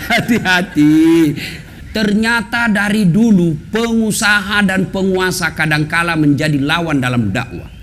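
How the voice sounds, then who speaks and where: High-voiced joking male preacher. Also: measured pace, a bit bright, slight background noise. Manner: joking, teasing, addresses the women in the audience. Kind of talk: humorous sermon. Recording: echoey hall with faint ambience.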